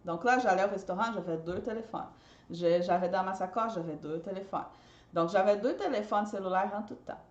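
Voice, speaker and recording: A woman's voice: mid-range voice, brisk, dull audio. Chatty woman in an echoey room. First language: not French. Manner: chatty, repeats herself, addresses viewers directly. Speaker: party decorator and business coach. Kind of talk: casual advice talk to viewers.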